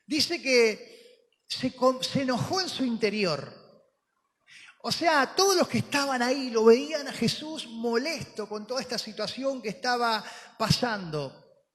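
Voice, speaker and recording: A man preaching a sermon as pastor, telling the story dramatically and moving from soft, slow words to emphatic ones. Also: very high voice. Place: church hall. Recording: long hall reverb.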